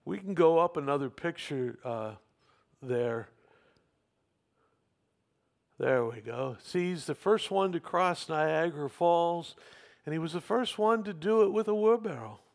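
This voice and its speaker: A man's voice: a little high, normal speed, gravelly. A man preaching a sermon, telling a story and putting emphatic questions to his congregation. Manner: talks with the congregation. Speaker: pastor.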